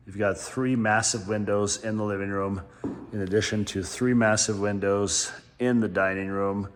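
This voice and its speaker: A man's voice: fairly low pitch, fairly bright tone. A man with a slight lisp from a dental retainer, giving an easygoing, rambling walkthrough of a house while filming on a gimbal. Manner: easygoing, rambling, self-correcting. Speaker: real estate home tour guide. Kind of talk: casual walkthrough narration. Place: inside a large house. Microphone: handheld camera on a gimbal.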